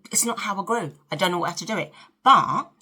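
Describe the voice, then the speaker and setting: Talking straight to camera while getting ready, this vlog host, a woman in her fifties from South London, sounds animated and husky. Her medium-pitched voice has a sharp tone and moves a little fast in this casual chat with viewers.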